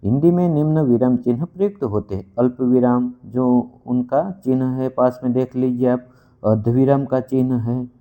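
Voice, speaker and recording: A man teaches to camera in a middle-pitched voice. He repeats points and restarts words as he works through them. The recording sounds dull and slightly lo-fi. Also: steady tone, moderate pace. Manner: repeats itself, with fillers and self-corrections. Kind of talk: lesson to camera.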